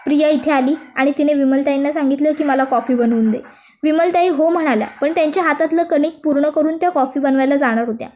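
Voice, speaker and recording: A proper young daughter-in-law who lectures calmly and firmly, voiced by a woman retelling a serial. Her voice sits high and even. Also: quick pace, lightly acted. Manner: firm, lecturing.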